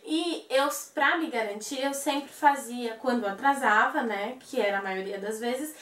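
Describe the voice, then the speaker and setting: Young woman, interview guest, animated storytelling, roomy echo, distant mic. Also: on the high side, a little slow. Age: young adult. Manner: animated, acts out quoted voices. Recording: echoey room, voice from a distance.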